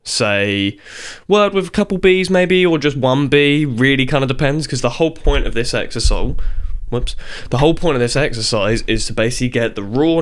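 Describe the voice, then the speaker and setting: Male beatbox tutor, mid pitch, informal and conversational, demonstrates as he explains. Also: smooth. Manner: chatty and informal, breaks off to demonstrate sounds. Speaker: beatbox teacher. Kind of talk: casual video tutorial.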